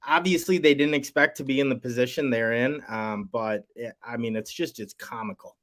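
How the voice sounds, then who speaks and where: A man's voice: medium pitch, normal speed. Rambling man breaking down hockey bets. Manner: rambling, hesitant, many fillers. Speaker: co-host. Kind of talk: casual sports betting chat.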